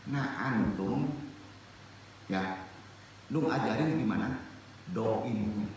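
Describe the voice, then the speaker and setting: A man's voice: lowish voice, takes it slowly, a little mellow, a little hiss or hum. A man from Indonesia teaching a religious study circle, who asks his listeners questions and then answers them himself. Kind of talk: lively spoken sermon. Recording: echoey room, voice from a distance.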